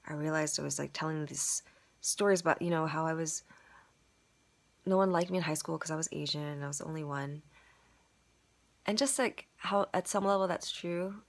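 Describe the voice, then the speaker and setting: Low gravelly woman musing aloud. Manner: rambling, full of "like" and "you know", self-searching. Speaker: storyteller reflecting on a performance. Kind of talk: casual confessional monologue.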